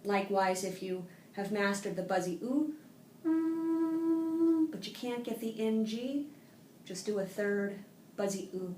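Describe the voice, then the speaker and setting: A woman voice therapist giving a calm, explanatory lesson on voice exercises, recorded on a tablet. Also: medium pitch, moderate pace, recorded from a distance, a little hiss or hum. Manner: calm explanatory, demonstrates sung vocal sounds. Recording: roomy tablet recording with faint ambience.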